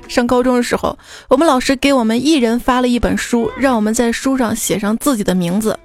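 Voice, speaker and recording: A woman's voice: fairly high pitch, darkish tone. Chatty woman telling jokes over music. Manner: chatty, laughs at her own punchlines. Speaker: host. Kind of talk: casual joke telling.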